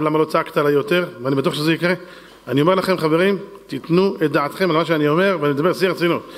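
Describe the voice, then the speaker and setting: A man's voice: on the high side, fairly bright tone. A man, a rabbi, making an insistent and repetitive appeal for donations during a sermon in a synagogue. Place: synagogue hall with women's section. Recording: long hall reverb.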